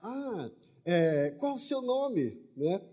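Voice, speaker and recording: A man's voice: high voice, sing-song, very slow, mellow, slightly rough. A man preaching a humorous testimony to a congregation, telling a story with frequent asides to the audience. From Brazil.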